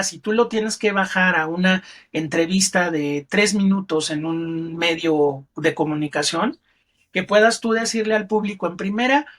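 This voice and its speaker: A middle-aged man with a Mexican accent, a film critic talking as a guest in a podcast interview and telling stories expressively. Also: sits high. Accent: Mexican Spanish. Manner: expressive storyteller who acts out quotes in other voices.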